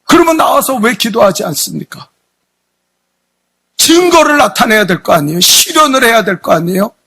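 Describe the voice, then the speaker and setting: High-voiced husky preaching pastor. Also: male voice, lively intonation, moderate pace, bright, forceful tone. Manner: emphatic preaching with rhetorical questions. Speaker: senior pastor. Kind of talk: sermon. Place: church sanctuary.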